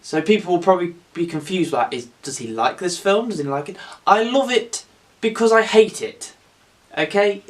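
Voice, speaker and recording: Excitable high-voiced man reviewing a film. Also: normal speed. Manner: excitable, rambling, swears freely. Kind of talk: casual film review vlog.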